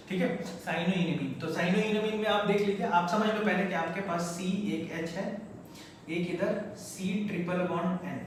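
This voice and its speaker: A male chemistry teacher, lecturing at the board in a chatty, coaxing way and repeating terms slowly for students. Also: high voice. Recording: very echoey room, mic far off, faint noise.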